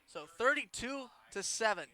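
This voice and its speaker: A young man giving play-by-play commentary on a high school football game, rising to excited calls on big plays. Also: moderate pace. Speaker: play-by-play announcer.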